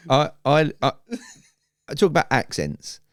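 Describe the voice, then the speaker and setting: Male podcast co-host; animated, teasing, quick to laugh, dry close-mic sound. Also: fairly high pitch, no echo. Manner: teasing, laughs often, lively questions. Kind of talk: casual chat.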